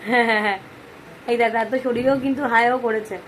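A mother with a hoarse voice from a cold, chatting casually to camera at home and coaxing her sick baby now and then. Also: on the high side, fairly even intonation, fast. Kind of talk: casual vlog narration. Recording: noisy home recording.

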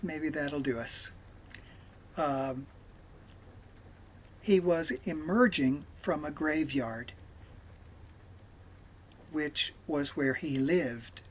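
A man leading a morning devotional, reading scripture aloud in a measured way with pauses. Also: fairly high pitch, a little hiss or hum. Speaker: devotional leader.

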